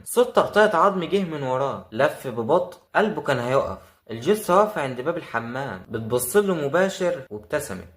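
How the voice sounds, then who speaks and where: Man, Egyptian Arabic accent, dramatic horror narration, suspenseful, very fast, echoey room. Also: on the high side. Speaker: horror storyteller.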